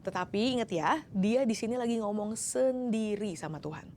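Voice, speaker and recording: A woman pastor preaching a sermon in an expressive style, acting out the voices in the story and slipping English words into her speech. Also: mid-range voice, normal speed, a little hiss or hum. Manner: acts out voices of the prophet and others. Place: church.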